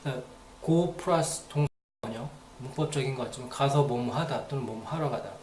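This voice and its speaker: A man's voice: medium pitch, fairly quick, a little mellow, reverberant, a little hiss or hum. A man giving a casual, rambling spoken lesson, repeating phrases aloud to demonstrate them. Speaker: English teacher.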